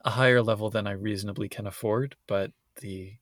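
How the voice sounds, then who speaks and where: A man's voice: fairly low pitch, fairly even intonation, brisk, dry recording, clean studio sound. A man co-hosting a podcast in casual conversation, recorded inside a closet at home. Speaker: podcast co-host.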